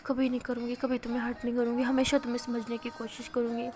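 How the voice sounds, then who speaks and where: A woman doing a hushed, remorseful young lover. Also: a little high, monotone, fast talker, lightly acted. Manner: soft hushed apologies.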